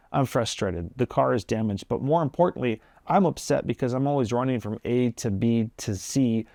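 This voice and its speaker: A man's voice: mid-range voice, dark tone, no room sound, studio quality. A man hosting his own video, giving a casual, earnest devotional talk in plain everyday language. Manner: conversational, plain-spoken, earnest. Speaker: video host.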